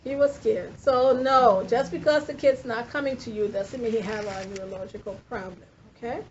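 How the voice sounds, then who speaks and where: A woman in her fifties giving a lively classroom lecture, quizzing her students as a nursing instructor. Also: on the high side, normal speed. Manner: animated, questioning the class. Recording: dull lo-fi classroom recording with faint noise.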